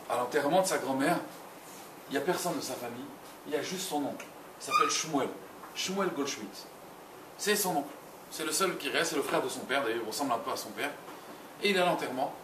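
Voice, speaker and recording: Rabbi telling a story in an echoey hall. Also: male voice, fairly high pitch. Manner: addresses listeners directly, repeats phrases for emphasis. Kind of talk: storytelling sermon. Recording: roomy, distant mic, noisy ambience.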